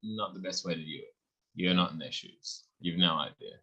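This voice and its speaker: A young adult man who founded a beverage company talks casually as a guest in a podcast interview, animatedly acting out bits of quoted dialogue. His voice sits low with a breathy edge, moves at a moderate pace, and has the highs cut off.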